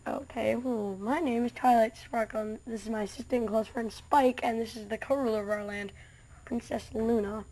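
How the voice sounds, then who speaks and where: A woman's voice: fairly high pitch, fairly even intonation, moderate pace, warm tone, rough recording. A woman reading a fan story aloud, voicing a studious young female unicorn in a polite, matter-of-fact way.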